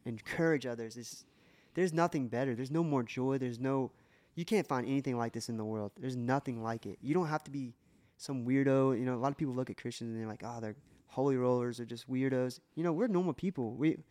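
In relaxed faith podcast talk, the co-host speaks briskly in a medium-pitched, slightly mellow voice. His testimony is earnest and emotional, and he frequently starts his sentences over.

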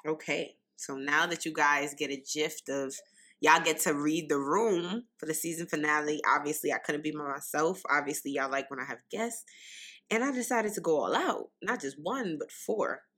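A young woman with a New York accent, hosting a podcast in a loud, unfiltered, casual way that speaks straight to listeners. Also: deep voice, normal speed. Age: young adult. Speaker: podcast host.

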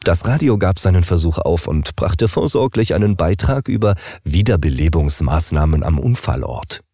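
A man narrating an audiobook in an expressive, wry style. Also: low voice, normal speed, dry recording, studio quality. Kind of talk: scripted narration.

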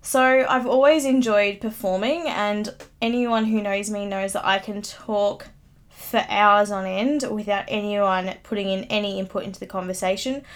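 A woman's voice: mid-range voice, steady tone, moderate pace. A young woman of about nineteen chatting on her own podcast, rambling and teasing herself, recorded close on a good mic at home. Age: late teens. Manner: chatty, self-mocking, giggly asides. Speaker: YouTuber. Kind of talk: casual solo podcast chat. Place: home room, upstairs. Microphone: studio microphone, close.

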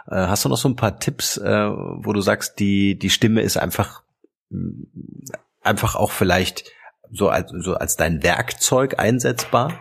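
A man's voice: fairly low pitch, measured pace, vocal fry, breathy edge. A man hosting a podcast, asking questions hesitantly with many fillers. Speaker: podcast host. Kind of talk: podcast interview.

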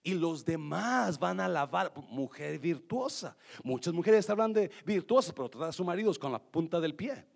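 Gravelly high-voiced preacher. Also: male voice, animated, fairly quick, hardly any pauses. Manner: emphatic, addresses the congregation directly. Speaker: pastor. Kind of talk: sermon.

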